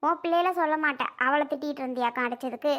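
A woman's voice: sits high, very fast, fairly bright tone. A woman voicing an elderly grandmother who fusses over her granddaughters and lectures her family with dramatic sighs, in a comedy family skit. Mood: scolding.

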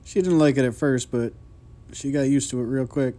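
A man in his thirties films himself restoring a sailboat, holding a handheld action camera at arm's length as he chats in a relaxed way, swearing and laughing to himself. His voice is medium-pitched at a normal speed. The casual narration moves between a small boat cabin and an outdoor yard.

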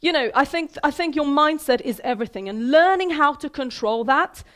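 High-pitched woman in her thirties, keynote speaker, chatty and lively, quizzing the audience from the stage. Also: fairly quick. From Iran, raised in Sweden. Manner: lively, conversational, asks the audience questions. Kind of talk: motivational talk. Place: theater stage with a large audience hall. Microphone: headset mic.

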